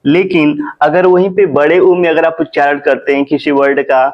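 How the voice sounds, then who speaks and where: A male teacher giving a phonics lesson, repeating words slowly and asking questions to the class. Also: a little high, fairly even intonation, dull audio. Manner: slow, repetitive, drawn-out teaching.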